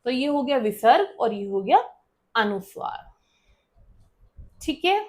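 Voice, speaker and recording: A woman's voice: a little high, sing-song, takes it slowly. A woman teacher explaining a school lesson, often asking students a question and then answering it herself.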